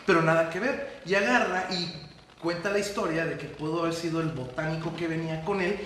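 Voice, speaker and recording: A Mexican man with a high, bright voice leads a loose podcast chat, spinning history stories in slangy, irreverent fashion. His voice rings off the walls of a very echoey room. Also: a little fast, slight background noise. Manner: animated storytelling, slangy and irreverent. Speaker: podcast host and storyteller. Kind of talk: casual group chat.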